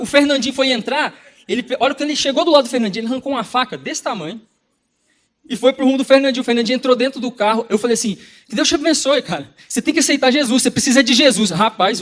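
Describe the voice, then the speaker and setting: High-voiced Brazilian pastor, fast and lively. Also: male voice. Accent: Brazilian Portuguese. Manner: animated storytelling, acts out quoted dialogue. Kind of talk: sermon with personal story.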